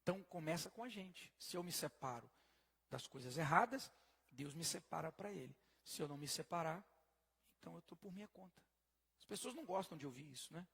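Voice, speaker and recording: A man preaching a sermon emphatically, swinging from soft to loud and putting questions to his congregation. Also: on the high side, animated, brisk, gravelly, slightly rough. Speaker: pastor. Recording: long hall reverb.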